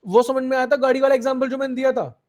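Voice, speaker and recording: Young guy teaching code live, fairly high voice, keeps checking if everyone got it. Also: little pitch movement, racing. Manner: explains step by step, keeps asking if students understood. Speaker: coding teacher. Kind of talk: live online coding class.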